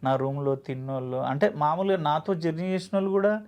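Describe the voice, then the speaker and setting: A man's voice: a little high, level tone, a little fast, darkish tone. A man with a Telangana Telugu accent, an actor guest telling his story in an earnest, heartfelt, plainspoken way. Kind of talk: emotional storytelling interview.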